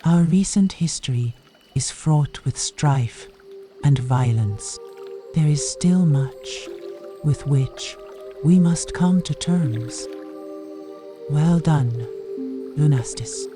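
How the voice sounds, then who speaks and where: Guy playing a kindly wise elf teacher, formal, slow, fantasy game, music behind. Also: a little high. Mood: grave, kindly. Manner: formal, measured. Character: wise, kindly night elf druid mentor. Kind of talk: scripted fantasy game dialogue.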